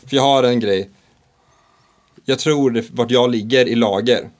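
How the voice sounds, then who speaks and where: A man in casual chat, co-hosting a podcast and laying out a playful theory with mock seriousness. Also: mid-range voice.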